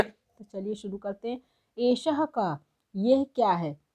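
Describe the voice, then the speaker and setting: A Sanskrit teacher with a mid-range, expressive and fairly bright voice works through a textbook lesson. She reads lines aloud, translates them, and slowly spells out each word one syllable at a time.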